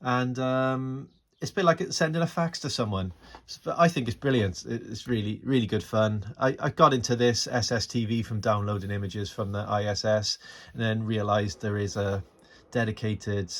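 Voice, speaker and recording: This amateur radio tutorial comes from a middle-aged man speaking steadily at a moderate pace with few pauses, his voice on the low side. He's casual, enthusiastic and unscripted, narrating his work into a phone camera mic in a noisy amateur recording.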